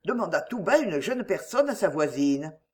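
A woman narrating a novel as an audiobook reader, expressive and storytelling. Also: on the low side, moderate pace.

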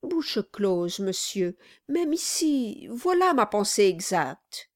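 A woman's voice: medium pitch, very animated, takes it slowly. A woman doing a fawning, timid male lawyer. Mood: nervous. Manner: fawning, hesitant, deferential "monsieur".

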